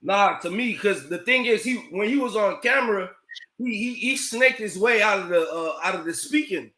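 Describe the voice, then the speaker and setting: A man telling a story in casual chat, animated and swearing, acting out what others said. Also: high-pitched, moderate pace. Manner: animated, swears, acts out quoted dialogue. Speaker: podcast guest telling a story. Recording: echoey room.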